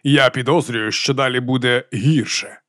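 A man's voice: medium pitch, steady tone, normal speed, a bit bright, dry recording, lightly acted. A man reading an audiobook voicing a sly, mocking baron with dry irony. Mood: ironic. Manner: dry, ironic.

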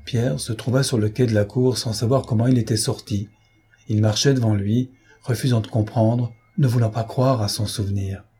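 A man narrating a classic novel as an audiobook, in a measured storytelling manner with a husky voice. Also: medium pitch, steady tone, mellow.

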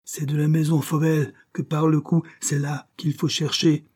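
Desperate young accused guy, pleading hard, husky mellow voice, read by a man. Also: fairly low pitch, fairly even intonation, normal speed. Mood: impassioned. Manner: impassioned, pleading and rising to outbursts.

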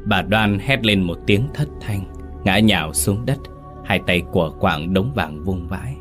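A man reading scripted horror story narration in a slow, grave storytelling manner. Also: sits low, expressive. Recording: faint background music.

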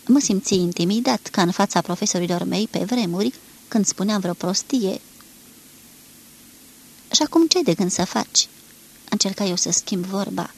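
A woman reads a literary novel aloud at a measured pace, giving the lines of dialogue a light touch. Her voice is somewhat husky and sits at a middle pitch. It sounds like an archive radio reading from the early eighties. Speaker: reader of a novel. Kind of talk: scripted literary narration. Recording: 1983 archive radio recording.

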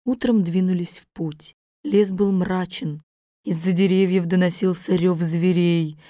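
A woman narrating a children's story in a measured, unhurried reading. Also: fairly low pitch, fairly even intonation, mellow, no echo, studio quality.

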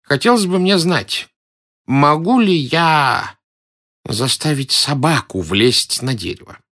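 Man voicing a whiny pedantic old professor, audiobook, high and drawn out, easily scared. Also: expressive, slow pace, fairly bright tone. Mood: fussy, whiny. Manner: whining, indignant, pedantic. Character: fussy, timid elderly male professor, whiny. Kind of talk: audiobook character voice.

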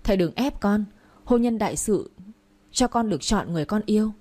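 A woman's voice: mid-range voice, lively intonation, fairly quick, mellow, natural voice. A woman reading the part of a stubborn young man, a village doctor, insisting and pleading with his father. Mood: insistent.

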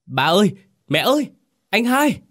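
A man's voice: fairly low pitch, lively intonation, quick pace, breathy edge. A man voicing a bewildered young man in a ghost story, talking urgently and questioningly. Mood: panicked shouting.

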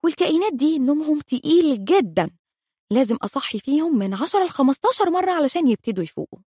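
A woman's voice: high-pitched, sing-song, fast, dark tone, no echo, studio quality. A woman with an Egyptian Arabic accent, a mother of three telling comic stories with dramatic, self-mocking exaggeration. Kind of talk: comic storytelling.

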